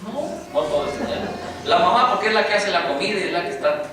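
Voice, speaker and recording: A man's voice: high-pitched, fast. A man preaching a sermon as pastor, asking the congregation rhetorical questions and speaking to them directly. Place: church sanctuary. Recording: echoey church, distant mic, background noise.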